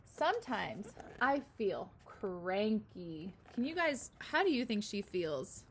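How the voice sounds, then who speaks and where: A pre-kindergarten teacher in her twenties reads a picture book aloud in a small room at home, explaining it simply and expressively and asking the young children questions. Her mid-range voice is sing-song and slow, with a little hiss or hum in the recording.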